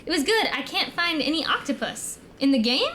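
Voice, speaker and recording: A young woman with a high voice streams in a cute, bubbly anime-streamer manner. She chats casually with her co-host and viewers, over some background noise. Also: very animated, brisk, bright, forceful tone. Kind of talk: casual livestream chat.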